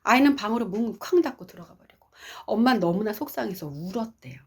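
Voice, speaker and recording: Husky-voiced woman giving an expressive parenting lecture. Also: medium pitch, fast talker. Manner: expressive storytelling, asks the audience questions.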